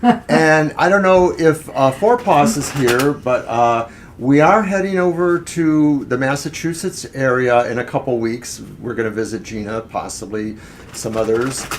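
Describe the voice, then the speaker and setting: A man co-hosting a tarot live stream, speaking at a mid pitch in an unhurried, musing way. He thinks aloud and scatters "uh" fillers through his sentences. A faint hiss of noise sits under his voice. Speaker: tarot reader, co-host.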